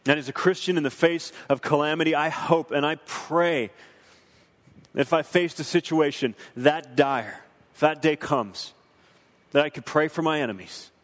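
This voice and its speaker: Man, young adult, earnest preacherly film commentary, slightly raised pitch, echoing hall. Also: normal speed, a bit bright. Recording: long hall reverb.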